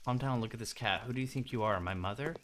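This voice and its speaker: A man's voice: medium pitch, fast, a little hiss or hum. A young man streaming a game, chatting loosely and joking with his viewers. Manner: loose, joking, talks to chat. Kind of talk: casual game stream chat.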